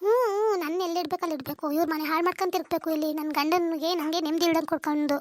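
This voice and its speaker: A woman's voice: extremely high pitch, fairly even intonation, rapid-fire. A woman voicing a resentful young wife in a cartoon drama, with a North Karnataka Kannada accent, accusing and nagging her husband. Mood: bitter nagging. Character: young sharp-tongued wife, resentful and bitter.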